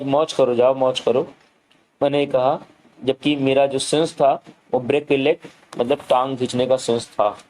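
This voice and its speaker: A man's voice: medium pitch, darkish tone, poor audio. A man teaching a school English lesson, reading each line of the text and explaining it in Hindi. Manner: reads English lines slowly, then explains them in Hindi.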